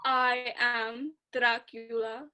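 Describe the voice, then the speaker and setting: A young woman playing a sinister vampire count in a student radio play, speaking with slow, courtly menace. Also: fairly high pitch, level tone, pushed and bright, full character voice.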